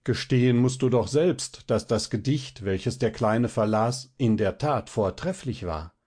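A man voicing a calm young male student in a storybook reading, matter-of-fact in tone. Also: medium pitch, a little slow, husky.

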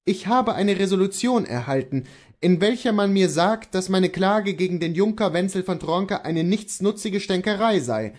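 An earnest, steadfast horse dealer speaks tenderly but firmly to his wife, as a male reader plays him. His slightly raised voice rises and falls with lively conviction. Storybook reading of a classic tale. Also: high-pitched, pitched above the performer's own voice. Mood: calm reassuring. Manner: earnest, measured, gently persuasive.

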